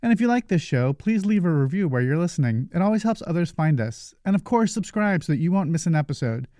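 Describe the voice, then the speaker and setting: A male podcast host reads his intro and sign-off with friendly, even delivery. His voice sits slightly high, and the recording is dry and close, with no room echo. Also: fast talker. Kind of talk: scripted intro and outro.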